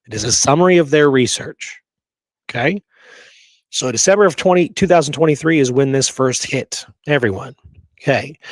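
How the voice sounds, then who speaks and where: Speaking at medium pitch, this man hosts a history show, emphatically laying out his research, partly from prepared notes. He often checks in with listeners using rhetorical "right" and "okay," and there's no room sound in the recording.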